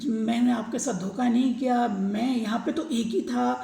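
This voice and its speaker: A sly, wheedling female fox from a children's storybook, voiced by a woman. The voice is a little high and gravelly, with a mellow tone. It echoes in a roomy space. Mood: flattering. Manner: wheedling, flattering. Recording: echoey room.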